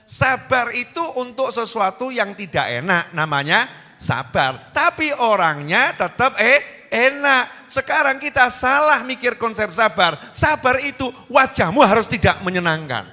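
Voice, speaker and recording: Lively Javanese-accented man preaching. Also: very high voice, a little slow, big-room sound, faint music behind. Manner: lively, animated, asks the audience questions. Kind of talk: sermon.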